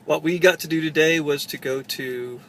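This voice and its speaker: A man from a church outreach team giving a halting, casual recap full of pauses and fillers. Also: fairly high pitch, fairly even intonation, a bit bright, slight background noise, poor audio. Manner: halting, lots of uh fillers and restarts.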